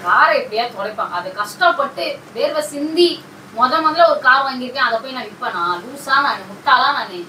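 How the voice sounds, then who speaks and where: A woman's voice: high-pitched, animated, a little fast, pushed and bright. A woman pulling a prank at home, teasing and coaxing in a casual, playfully defensive way. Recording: roomy and distant with faint noise.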